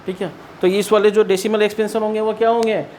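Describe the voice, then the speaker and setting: An Indian man teaches maths in an explanatory lesson, posing his own questions, answering them, and repeating the key points. His voice is high-pitched and a little mellow, with a level tone and fast delivery. There's slight background noise.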